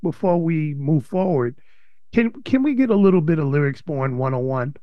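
A man's voice: a little high, expressive, moderate pace, dry recording, highs cut off. A man hosting an interview, casual, with short replies while his guest talks. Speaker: interview host. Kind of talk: radio interview.

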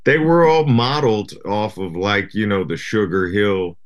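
A middle-aged man from Japan, a guest rapper, chatting in an interview in a relaxed, rambling way full of "you know". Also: on the low side, unhurried. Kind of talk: casual interview chat.

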